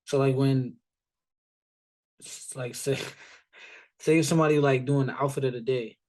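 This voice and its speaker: A man's voice: medium pitch, steady tone, measured pace, darkish tone. A young man co-hosting a podcast, chatting in a laid-back, blunt, mocking way. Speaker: podcast co-host. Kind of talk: casual chat.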